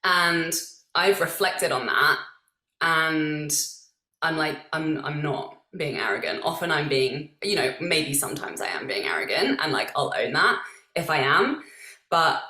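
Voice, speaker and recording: A woman's voice: sits low, lively intonation, unhurried, pushed and bright, roomy sound. A woman hosting a casual interview, reflective and thinking aloud. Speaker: host.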